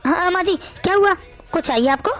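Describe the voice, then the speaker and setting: A woman's voice: very high-pitched, expressive, brisk, fairly bright tone. A woman voicing an outspoken young daughter-in-law who answers back in a cartoon story. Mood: defensive. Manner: pleading, then pert back-talk.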